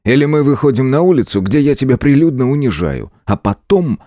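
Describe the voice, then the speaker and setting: A man's voice: medium pitch, very animated, fairly quick, dark tone, no room sound, clean studio sound, pitched above the performer's own voice, close to an everyday voice. A man voicing a curt, domineering young lord who gives orders, in an audiobook. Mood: commanding. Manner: curt, commanding. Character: young lordly male hero, cold and domineering.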